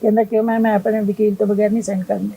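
Older woman, low gravelly voice. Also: little pitch movement, very fast, mellow, poor audio. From Punjab. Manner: plain storytelling, retelling others' words. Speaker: interview guest. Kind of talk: emotional interview.

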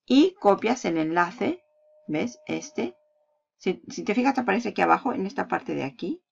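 Gravelly-voiced woman teaching onscreen steps. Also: medium pitch, sing-song, moderate pace. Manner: walks through steps while clicking, asks and answers her own questions. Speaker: online marketing tutor. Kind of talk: screen-recorded tutorial. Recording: dull lo-fi sound.

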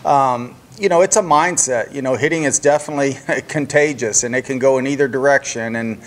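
Older guy coach at a press table, steady plain talk, lots of you knows, mid-pitch voice. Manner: measured, plain-spoken, many "you know" fillers. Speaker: head softball coach. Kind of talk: postgame press conference answers. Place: press conference room, indoors. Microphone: table microphone.

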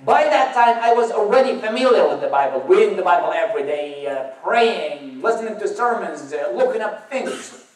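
A young man from Iraq with an Iraqi Arabic accent tells his life story as a guest speaker at a church, giving a personal testimony laced with wry, dry humor. His voice sits high, animated, at a moderate pace. A distant camera across the auditorium picks him up with roomy echo.

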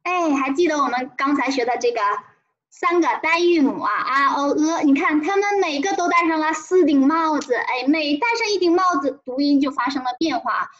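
A woman's voice: high voice, fairly bright tone, dull audio. A woman teaching a children's pinyin lesson, drawing out tones in a sing-song way and prompting the class to repeat after her. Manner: sing-song, drawn-out tone demonstrations. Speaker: primary school teacher.

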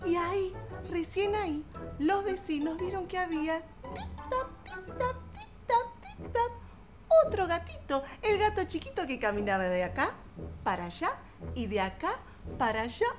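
A woman telling a children's story, playful and expressive, acting out sound effects. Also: very high-pitched, moderate pace, over music.

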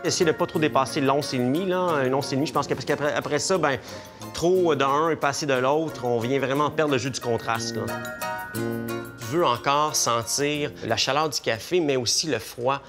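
A middle-aged man explains gelato in an animated, hands-on way, speaking at an average pitch. He sounds like a consultant sharing his trade in a café. A faint bed of music runs beneath his voice. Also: normal speed. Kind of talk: explanatory talk to camera. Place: café interior.

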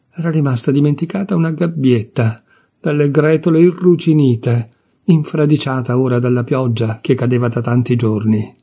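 A man reading a classic novella aloud in a measured, expressive narration. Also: medium pitch, slightly rough. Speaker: reader of literature.

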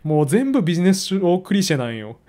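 A man's voice: high-pitched, very animated, fast talker, warm tone. A man hosting a live stream, reading a business book aloud and mocking it in a sarcastic, exasperated tone.

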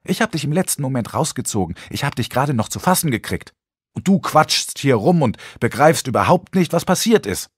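A man reading an audiobook, voicing a blunt, sharp-tongued blind teenage girl in a raised higher voice. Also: sing-song, fairly quick, husky, no room sound, clean studio sound. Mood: angry outburst. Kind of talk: audiobook character voice.

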